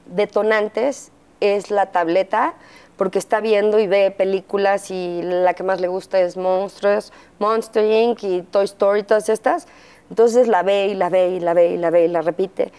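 Mellow-voiced Mexican woman recounting, halting. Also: medium pitch, fairly even intonation, smooth. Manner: halting, frequent fillers, acts out quotes. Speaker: interview guest, mother. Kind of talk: candid interview testimony.

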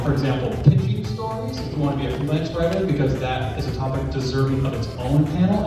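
Distant male moderator in an echoey hall. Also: fairly high pitch. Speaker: panel moderator. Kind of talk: formal panel introduction. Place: large convention panel room. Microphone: far camera in audience.

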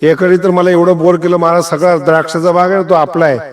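A fairly high-voiced male preacher delivers a devotional discourse, slipping into storytelling and playing out little exchanges of dialogue. His delivery swings up and down and breaks into chuckles. His voice rings with a long reverb, as if he is speaking in a big hall. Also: quick pace. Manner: animated, acts out dialogue, swings pitch widely, chuckles. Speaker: kirtan preacher.

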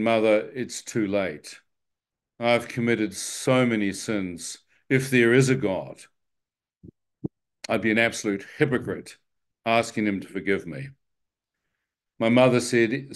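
Man preaching his testimony; a lively storyteller with wry asides who acts out his own prayers. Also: on the low side. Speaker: speaker telling his testimony to a church audience. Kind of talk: testimony sermon.

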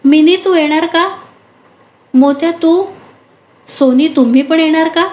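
A woman's voice: very high-pitched, slow, a little mellow, pitched above the performer's own voice. A woman storyteller voicing a cheerful, bossy village farmer who teases a small mouse, heard with a roomy echo. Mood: calling out.

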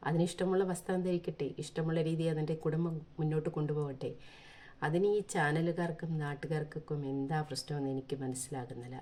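A woman's voice: deep voice, warm tone. A woman from Kerala delivering an impassioned opinion vlog, pleading earnestly and asking rhetorical questions. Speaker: vlogger.

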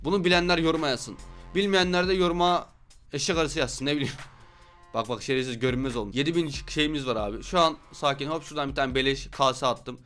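A young man giving loud, joking commentary on an online game he plays, swearing at his opponents. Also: a little high, fast talker, clean tone, faint music behind. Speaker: gaming YouTuber. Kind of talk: excited gameplay commentary.

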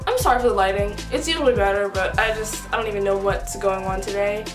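A fifteen-year-old girl from the East Coast of the United States vlogs on a shared channel, chatting casually to the camera in her small bedroom and rambling upbeat with plenty of "like" and "whatever." Her voice is medium-pitched and quick, picked up at close range by the camera mic in an echoey room with music underneath. It's a laid-back get-to-know-me talk.

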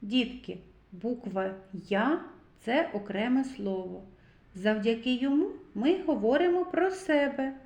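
A woman teaching young children to read, speaking slowly and deliberately and stretching out each sound. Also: on the high side, lively intonation, darkish tone. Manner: slow, deliberate, stretched syllables. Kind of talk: slow literacy lesson for young children. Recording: echoey room, dull lo-fi sound.

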